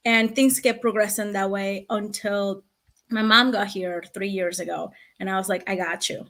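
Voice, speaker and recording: A woman in her thirties, from Venezuela, chatting as an interview guest and telling her story in a lively way, laughing often. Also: mid-range voice, normal speed. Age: 30s. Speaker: guest, founder of a language access business. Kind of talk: casual interview chat.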